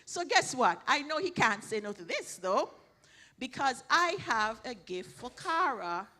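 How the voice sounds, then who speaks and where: A woman's voice: sits high, big pitch swings, a little slow, sharp tone. A woman leading church announcements, thanking helpers in a chatty way with many restarts. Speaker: church program leader. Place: church hall.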